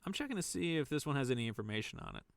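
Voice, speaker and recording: A man's voice: medium pitch, huge pitch swings, racing, vocal fry, slight background noise. A man playing a cautious, inquisitive spaceship crewman. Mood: curious, wary. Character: cautious, inquisitive, conscientious male spaceship salvage worker. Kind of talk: science fiction audio drama.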